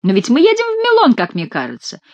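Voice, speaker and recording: A woman's voice: sits high, wildly swooping pitch, fast, no echo, dull audio, pitched above the performer's own voice, full character voice. Woman playing a panicky cowardly monk. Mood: pleading. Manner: whining, panicky pleading. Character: plump timid cowardly middle-aged male monk.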